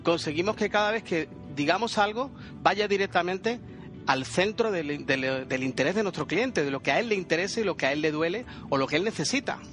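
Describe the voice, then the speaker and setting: A man who trains people in public speaking, musing aloud and asking questions in a relaxed podcast conversation. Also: sits high, brisk, faint music behind. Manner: reflective, asks questions, hesitant restarts.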